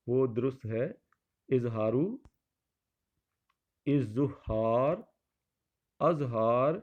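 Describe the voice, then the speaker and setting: A male Urdu teacher giving an exam revision lecture, repeating each answer option slowly and addressing his dear students. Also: medium pitch, creaky.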